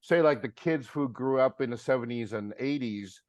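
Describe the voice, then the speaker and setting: A middle-aged Japanese man, a filmmaker guest in an interview conversation, speaks earnestly at a moderate pace. His mid-range voice has a darkish tone, with no echo, and his speech is full of fillers and restarts.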